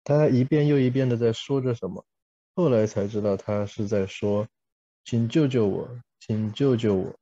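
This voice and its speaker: A man's voice: medium pitch, moderate pace, dark tone, dry recording, lo-fi sound. A man working as a live interpreter, rendering a speaker's words sentence by sentence, with small self-corrections.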